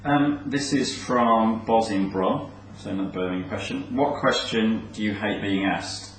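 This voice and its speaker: A hesitant man hosts the interview and reads out fan questions, stumbling over his ums. His voice sits fairly low, and he is heard from far off in an echoey room. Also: unhurried, a little hiss or hum. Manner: hesitant, many ums and uhs. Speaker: webcast host reading fan questions.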